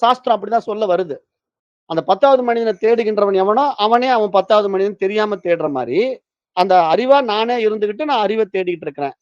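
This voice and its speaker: A male spiritual teacher explains a philosophy text by telling a story and acting out its quotes. His voice sits high for a man. The recording is dry and close, with muffled, lo-fi sound. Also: fairly quick, dry recording.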